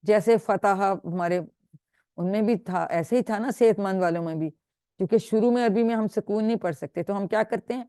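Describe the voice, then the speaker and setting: A woman's voice: mid-range voice, mellow, clean tone, no room sound, studio quality. A woman teaching an online Quran grammar class, patiently drilling students and praising them. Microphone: video call.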